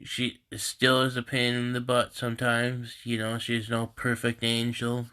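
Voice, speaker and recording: A man with a stuffy, congested nose, talking in a halting, rambling way on a casual live stream from home into his phone. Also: medium pitch, monotone, pushed and bright, clear, resonant tone. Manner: halting and rambling, many restarts. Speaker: host of a live group stream. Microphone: phone camera.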